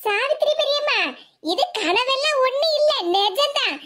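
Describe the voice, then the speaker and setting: A woman's voice: very high-pitched, expressive, moderate pace, sharp tone, a little hiss or hum, heavily acted. A woman voicing a cheeky chatty young wife. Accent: Kanyakumari Tamil. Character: cheeky young daughter-in-law, chatty and playful.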